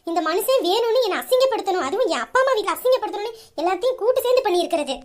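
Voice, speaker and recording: A woman's voice: very high-pitched, expressive, racing. A woman playing a young married woman who grumbles and mutters complaints to herself in a comedy skit. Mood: grumbling.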